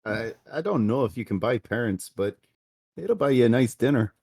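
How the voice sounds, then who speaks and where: A man's voice: medium pitch, lively intonation, normal speed, creaky, a little mellow, slightly rough, no room sound, clean studio sound. A man playing in a tabletop game, chatting in a friendly, easygoing way. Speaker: player. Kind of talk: casual chat.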